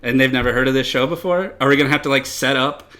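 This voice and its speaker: A man's voice: mid-range voice, fast talker, bright, forceful tone. A man co-hosting a comedy podcast, questioning plans skeptically with lots of hesitant restarts. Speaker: podcast co-host. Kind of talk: casual comedic chat.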